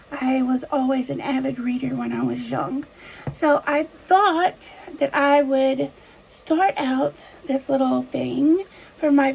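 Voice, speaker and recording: A woman host with a creaky voice, chatting casually to her viewers. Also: high voice, darkish tone, low-quality recording.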